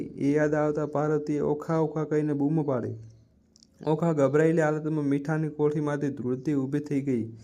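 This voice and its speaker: A man narrates a devotional story in a mellow, warm tone. His voice sits a little high, and he recites evenly. He speaks each character's lines plainly in his own voice.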